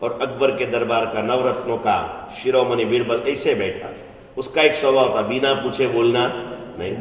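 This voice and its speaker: Brief: male monk, unhurried storytelling sermon, far from the mic in an echoey hall. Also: mid-range voice, steady tone. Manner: unhurried, storytelling, drawn-out emphasis. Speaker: Jain monk giving a discourse. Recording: echoey hall, distant mic, faint noise.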